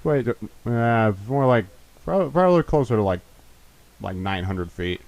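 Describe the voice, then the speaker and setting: A man's voice: mid-range voice, very animated, measured pace, vocal fry, darkish tone, no room sound. A young man co-hosting a casual movie commentary, rambling and joking with sarcastic asides.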